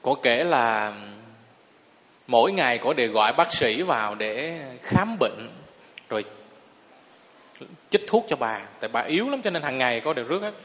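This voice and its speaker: A man's voice: medium pitch, expressive, normal speed, long pauses, a bit bright. A man, a Buddhist monk giving a sermon in a folksy storytelling way and often asking the listeners if they agree. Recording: long reverb of a hall.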